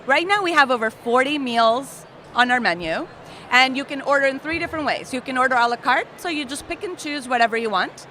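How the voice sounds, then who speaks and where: Bright-voiced woman from Costa Rica. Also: high voice, expressive, fairly quick, slight background noise. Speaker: company co-founder, guest. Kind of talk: interview. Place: outdoor festival booth.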